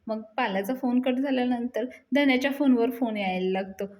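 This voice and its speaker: A woman who reviews a TV serial, retelling the episode as brisk storytelling narration. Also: on the high side, darkish tone.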